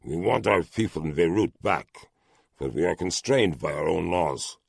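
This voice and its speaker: A man voicing a German intelligence officer who speaks low and confidentially in a thriller audiobook. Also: animated, a little fast, slightly rough, dry recording, studio quality, heavily acted. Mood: confiding.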